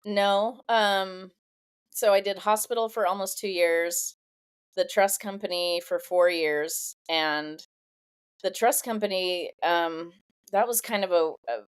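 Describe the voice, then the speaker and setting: A woman from Southern California, a podcast guest, telling her personal story in a thoughtful, candid way with halting pauses and many fillers. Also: medium pitch, fairly even intonation, clean tone.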